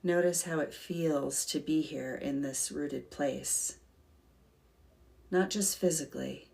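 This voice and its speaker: Low-pitched woman leading a calm grounding meditation. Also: vocal fry. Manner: calm, soothing, gentle, unhurried with long pauses. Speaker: guided meditation leader.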